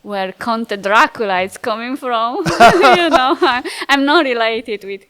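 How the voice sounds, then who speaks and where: A woman's voice: on the high side, unhurried, fairly bright tone, smooth. A middle-aged woman from Romania, a Romanian-accented chef and interview guest, speaking chatty, non-native English and laughing easily. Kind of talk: casual interview chat.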